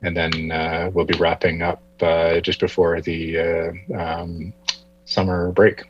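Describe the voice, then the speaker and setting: A man gives an informal meeting update in a low, monotone voice. He speaks haltingly with frequent hesitations, and the audio is dull. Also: a little hiss or hum. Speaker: transportation manager.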